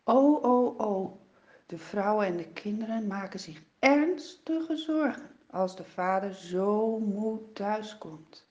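A woman narrating a children's Bible story in a dramatic, expressive way, with sighs and exclamations, in a dull, lo-fi recording. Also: medium pitch, slow pace.

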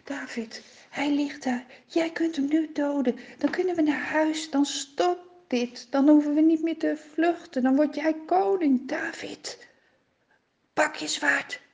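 A woman voicing a band of weary soldiers who urge their leader in hushed voices in a storybook tale. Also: high-pitched, steady tone, measured pace, vocal fry. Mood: hushed urging. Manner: hushed, urging.

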